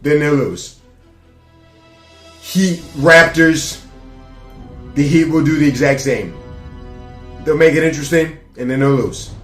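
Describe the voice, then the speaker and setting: A man's voice: a little high, a little slow, pauses often, a bit bright, echoey room, faint music behind. A man casually giving sports playoff predictions to camera, brash and rambling, with plenty of trash talk and fillers. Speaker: sports vlogger.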